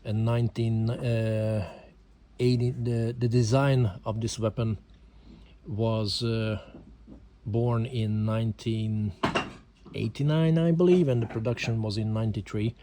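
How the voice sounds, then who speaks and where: With a warm, lowish voice and fairly even intonation, a Hungarian amateur gun reviewer talks at a measured pace through a casual home video about a handgun. He speaks English as a non-native, with a Hungarian accent, hesitating and using many fillers, over slight background noise.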